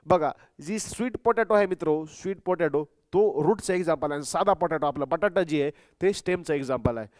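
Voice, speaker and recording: A man's voice: on the high side, fairly quick, a little mellow, dry recording, clean studio sound. A young man teaching a biology class. He keeps asking the students questions and mixes English terms into his speech. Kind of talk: classroom lecture.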